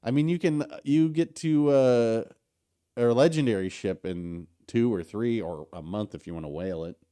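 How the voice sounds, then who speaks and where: A man's voice: mid-range voice, moderate pace, warm tone, smooth. A man commentating his own live game stream in a rambling, conversational way with many fillers, sounding stuffy and a little hungover.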